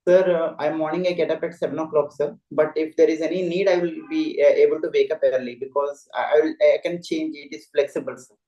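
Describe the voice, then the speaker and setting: A man's voice: fairly high pitch, steady tone, brisk, few pauses, dark tone, highs cut off. A young man with an Indian accent, a deferential and hesitant interview candidate speaking formally in a roomy, echoey recording. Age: young adult. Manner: deferential, hesitant, says sir constantly.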